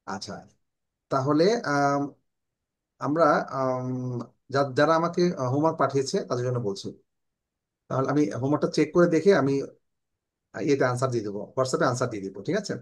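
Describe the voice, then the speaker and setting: A man with a Bangladeshi accent teaching an online English class, explaining in Bengali and slowly modelling English phrases. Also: mid-range voice.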